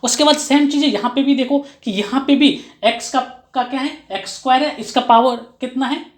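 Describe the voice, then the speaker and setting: A woman's voice: high-pitched, fairly quick, reverberant. A woman maths teacher giving an explanatory lesson, who keeps asking and answering her own questions and repeats key phrases for emphasis.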